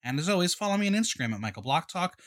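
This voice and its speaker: A podcast host in New York chats from home in a casual, upbeat interview, restarting himself now and then. His voice sits high with big swings in pitch, and he talks very fast with a slightly bright tone.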